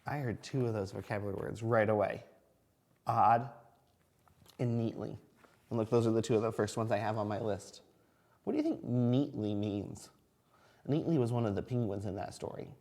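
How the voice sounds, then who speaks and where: A kindergarten reading teacher reads a picture book aloud with animation, as though to a toddler, pausing often to ask the children simple questions. His voice is lowish and darkish in tone, with lively intonation at a normal speed.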